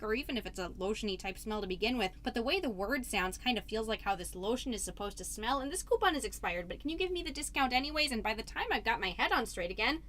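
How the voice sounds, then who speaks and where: A woman with a fairly high, slightly bright voice, carrying a little hiss or hum, plays a podcast host character: an earnest, anxious suburban mom. Her comedic monologue rambles and doubts itself, tending toward grand declarations.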